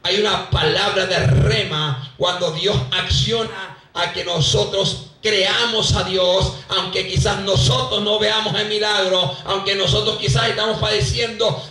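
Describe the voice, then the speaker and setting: Fervent high-voiced pastor in an echoey hall. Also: male voice, steady tone, measured pace, hardly any pauses, bright, forceful tone, far from the mic, faint music behind. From Venezuela. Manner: fervent preaching, calls out to congregation, repeats phrases. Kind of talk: live church sermon. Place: church hall.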